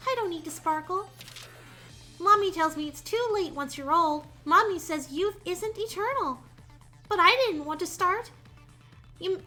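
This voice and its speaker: Woman voicing an anxious, earnest child reading a diary; high and bright, faint game music behind. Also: exaggerated voice. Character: anxious, gentle child afraid of upsetting mother. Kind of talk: reading a diary entry aloud in character.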